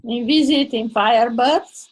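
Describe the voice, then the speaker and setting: An older Hungarian-speaking woman from Transylvania, Hungary, chats casually in English over a video call, slow, halting and high-pitched. A Toastmasters member and blogger, she searches for words and uses non-native grammar.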